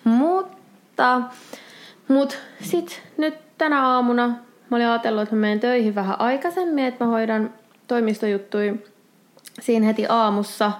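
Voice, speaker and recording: A young woman co-hosting a podcast, telling everyday stories in casual chat, swearing freely and acting out her own reactions. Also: on the high side. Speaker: podcast co-host.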